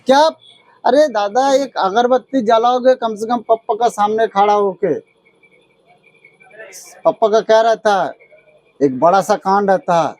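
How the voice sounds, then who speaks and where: A man's voice: sits high, unhurried, long pauses, a little mellow, dry recording. A man who runs an idol workshop, speaking with a Chhattisgarh accent in an earnest, insistent way and often repeating himself. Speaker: idol maker and shop owner. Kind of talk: casual interview.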